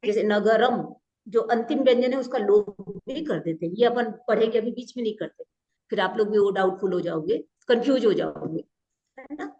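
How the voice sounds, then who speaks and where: A woman's voice: medium pitch, normal speed, dark tone, highs cut off. Patient woman teaching a language class. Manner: explains patiently, often checks with "ठीक है?". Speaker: Prakrit teacher. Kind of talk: online class lecture.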